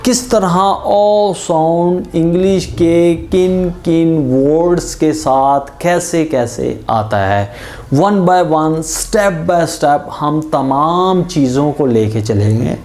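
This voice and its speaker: An English pronunciation teacher giving a lesson and drawing out each example word slowly. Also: medium pitch, darkish tone. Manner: drawn-out example words, explained in Hindi-Urdu.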